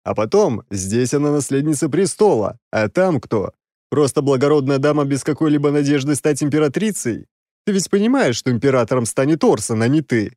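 A man voicing an exasperated six-armed male demon who scolds loudly and sarcastically, in a dry, close recording. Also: medium pitch, lively intonation, fairly quick, no room sound, pitched above the performer's own voice, lightly acted.

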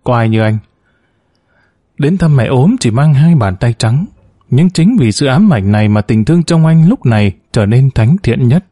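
A man narrates a novel in steady, measured storytelling. His voice is mellow and dark, with a medium pitch. The sound is close and dry, with no room echo. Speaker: audiobook narrator. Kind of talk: scripted narration.

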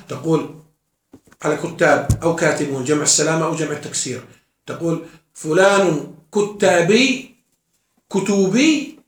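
A man teaching a class as a sheikh, often asking his students questions and answering them himself. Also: fairly high pitch. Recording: echoey room, mic far off.

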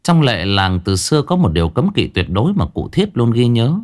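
A man's voice: medium pitch, very animated, normal speed, a little mellow. A man narrating a ghost story dramatically.

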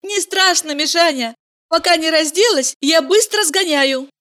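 Woman plays a chirpy, teasing young heroine; squeaky-high, bubbly, exclaims a lot. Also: unhurried, bright, forceful tone, heavily acted.

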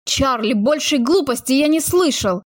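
A woman's voice: sits high, lively intonation, moderate pace. A woman voicing a young male soldier who lectures his girlfriend in a reproachful tone. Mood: scolding. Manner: scolding, moralizing tone. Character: young man, soldier, stern and reproachful boyfriend.

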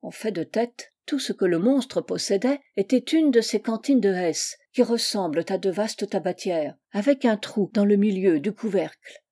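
A woman narrating a classic short story in a measured, expressive storytelling manner. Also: mid-range voice. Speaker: reader. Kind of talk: literary audiobook narration.

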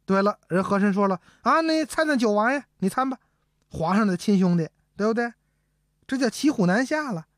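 A woman telling a traditional comic story, animated and speaking straight to her audience. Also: medium pitch, fairly quick, dry recording, clean studio sound. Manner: animated, addresses the audience directly.

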